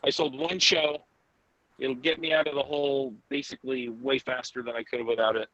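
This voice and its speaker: A man's voice: mid-range voice, pushed and bright, no room sound. Man on a choppy, breaking-up cell call. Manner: halting, repeats his words. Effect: choppy cell phone call breaking up. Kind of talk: casual chat. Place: in a car. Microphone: cell phone. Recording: dull lo-fi cell line, dry.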